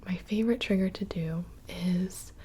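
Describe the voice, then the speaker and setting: A woman's voice: on the low side, moderate pace, warm tone, a little hiss or hum. A young woman whispering casually and close to the microphone, rambling through questions in an ASMR video. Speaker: ASMR creator. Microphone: close studio microphone.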